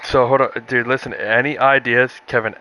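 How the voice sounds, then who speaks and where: A man's voice: mid-range voice, little pitch movement, normal speed, pushed and bright, rough recording. A young man chatting casually on a live stream, rambling through ideas for comedy bits with many restarts and frequent "dude"s. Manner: rambling, restarts often, says "dude" a lot. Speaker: streamer trying out stand-up material. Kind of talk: casual chat.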